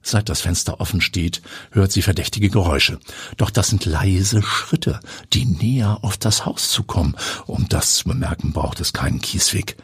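A man's voice: sits low, normal speed, husky, no room sound, studio quality. A man reading a suspenseful story aloud, at times dropping into a whisper. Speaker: audiobook narrator. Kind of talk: scripted narration.

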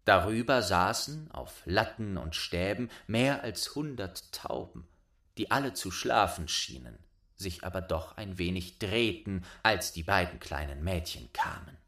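A man reading a fairy tale aloud as a storyteller, in a very lively, unhurried way. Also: sits low.

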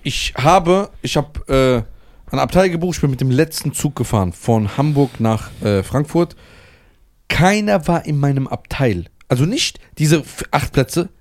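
Animated man telling a story. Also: fairly high pitch, measured pace. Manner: animated anecdote teller, swears oaths for emphasis. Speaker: comedian guest. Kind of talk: casual podcast chat, storytelling.

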